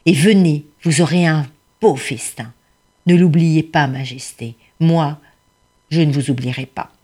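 A woman's voice: low-pitched, a little slow, dark tone, breathy edge. A woman voicing a poor, grateful male woodcutter who speaks earnestly and deferentially in a storybook tale. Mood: humble. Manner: earnest and deferential, addressing a tigress as royalty.

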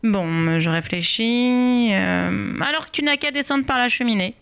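A woman's voice: fairly high pitch, moderate pace, creaky, fairly bright tone, clear, resonant tone. A woman voicing a scheming coaxing author. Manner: coaxing, wheedling. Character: scheming female storyteller-author, wheedling. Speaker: guest reader.

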